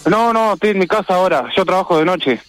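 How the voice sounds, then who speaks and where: Argentine man, 20s, radio caller, high-pitched, easygoing and chatty, faint music under. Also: fast talker, fairly bright tone, rough recording. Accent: Argentine Spanish. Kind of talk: phone-in chat.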